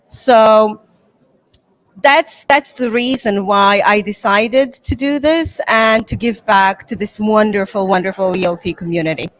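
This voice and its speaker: A middle-aged Balkan woman, a native Serbo-Croatian speaker, answers conference interview questions earnestly and thoughtfully, using many fillers. Her medium-pitched voice moves a little slowly, and the audio is poor. She writes materials and is the association's incoming president.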